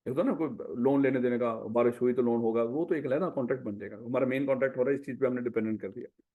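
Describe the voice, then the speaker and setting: A man's voice: mid-range voice, racing, phone-quality sound. A man teaching a revision class in business law. He asks the class questions, answers them himself, and calls the students "my child". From Pakistan.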